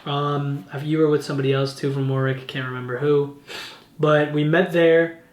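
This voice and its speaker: A man's voice: fairly high pitch, level tone, normal speed. A man in his twenties hosting a podcast, joking around and swearing casually as he chats. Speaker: podcast host. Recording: echoey room.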